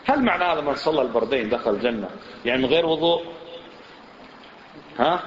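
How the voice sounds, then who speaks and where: A man teaching a religious lesson, quizzing his listeners with lively rhetorical questions. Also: mid-range voice, fast talker, a little hiss or hum. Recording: echoey room, dull lo-fi sound.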